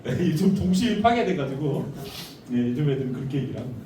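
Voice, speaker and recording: Middle-aged male lecturer, high and very animated, playful with the room, distant hall mic. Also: fast talker. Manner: animated, jokey, asks audience questions. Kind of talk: lively family-education lecture. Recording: echoey hall, distant mic, faint noise.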